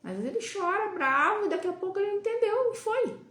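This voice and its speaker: A woman's voice: extremely high pitch, lively intonation, brisk, fairly bright tone. Brazilian woman talking in a roomy echo. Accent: Brazilian Portuguese. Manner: conversational, many rhetorical questions and tag questions. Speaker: host of a live talk on child development. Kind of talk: casual live talk to viewers.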